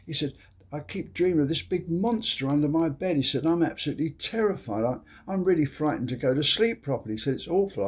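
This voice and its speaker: A man's voice: mid-range voice, darkish tone, slightly rough. An older man hosting a comedy show, telling long rambling jokes in a chatty, casual way. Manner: chatty, rambling storyteller with frequent "you see".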